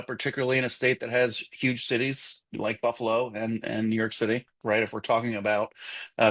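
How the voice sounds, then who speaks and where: A man appearing as a political consultant guest, speaking in a talkative, animated way with frequent restarts. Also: medium pitch, no room sound. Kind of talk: casual political chat.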